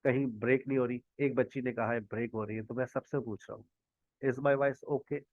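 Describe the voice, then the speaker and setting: A man from Pakistan, a native Punjabi speaker, teaching spoken English in an online class over a video call, slowly quizzing his students and modeling English phrases. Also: medium pitch, steady tone, no echo. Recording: dull lo-fi online call audio.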